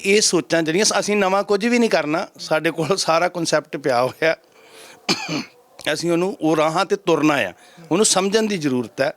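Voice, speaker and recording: A man from Punjab, India, serving as head granthi and answering interview questions in a measured, preaching cadence. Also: a little high, a bit bright, dry recording.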